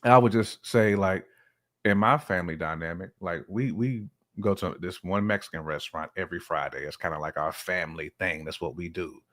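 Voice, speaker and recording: A man guesting on a podcast shares his opinions in casual, slangy conversation. His voice is low, brisk and a bit bright, and his speech is informal and colloquial throughout.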